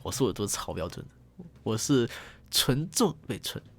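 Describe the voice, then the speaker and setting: A man's voice: mid-range voice, very animated, moderate pace, creaky. A young man hosting his channel, chatting casually to camera in a playful, teasing way and hamming up English words. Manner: playful, teasing, joking self-mockery, exaggerated English words. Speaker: channel host. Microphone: desk condenser mic.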